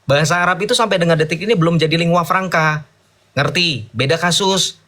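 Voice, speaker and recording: A man's voice: fairly high pitch, brisk, bright, forceful tone. A man arguing heatedly in an online debate, mocking and combative, and reading English passages aloud.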